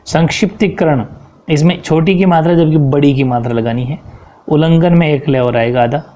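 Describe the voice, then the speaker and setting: A man in a grammar class works through corrections one by one and keeps checking in with his students. His voice is mellow and dark, with no edge to it. The recording sounds dull and lo-fi. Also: fairly high pitch, normal speed. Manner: explains step by step, often checks in with "ठीक है". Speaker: teacher. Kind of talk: grammar lesson.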